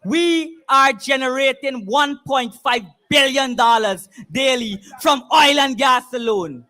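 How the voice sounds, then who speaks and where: Guyanese guy giving a fiery revolutionary rally speech, really high strained pitch, slow and deliberate, shouting. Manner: fiery, impassioned, revolutionary call-to-action oratory; shouting much of the time. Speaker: political speaker at a rally. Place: public political meeting, speaking to a crowd.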